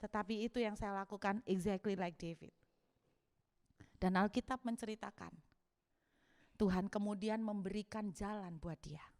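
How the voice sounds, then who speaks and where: A woman pastor preaching a sermon in an animated way, acting out scenes of shouting and crying. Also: mid-range voice, moderate pace, pauses often. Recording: long hall reverb.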